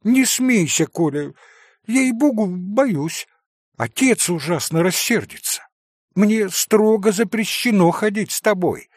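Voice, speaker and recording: A man's voice: high-pitched, animated, takes it slowly, breathy edge, no room sound, studio quality, voice pushed up, exaggerated voice. A man voicing a timid, anxious schoolboy who talks in a nervous, pleading way.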